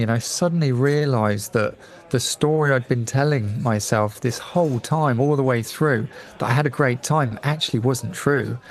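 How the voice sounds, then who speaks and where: A middle-aged man from England, a guest on a radio talk show, telling a personal story in a lively way and acting out the voices of people he quotes. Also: medium pitch.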